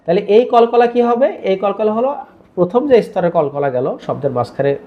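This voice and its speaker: A man with a fairly high voice teaches Quran recitation rules. He explains each rule step by step and drills syllables for learners to repeat. The sound is a little muffled and lo-fi. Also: very animated, fast talker. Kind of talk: tajweed lesson with recitation drills.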